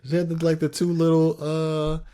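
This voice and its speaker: A man's voice: on the high side, completely flat delivery, moderate pace, mellow, clean tone. A man co-hosting a casual fan podcast, laid-back and a bit hesitant, putting questions to his partner. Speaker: podcast co-host.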